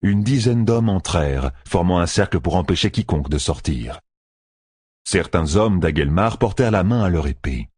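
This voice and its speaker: A man narrating a fantasy audiobook in an expressive storytelling manner. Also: sits low, normal speed, slightly rough, dry recording.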